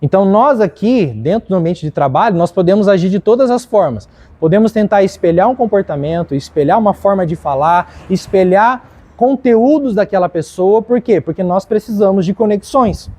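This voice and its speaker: A man's voice: high voice, moderate pace. Brazilian man leading a workplace training. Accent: Brazilian Portuguese. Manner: lively, acts out examples. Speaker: leadership trainer.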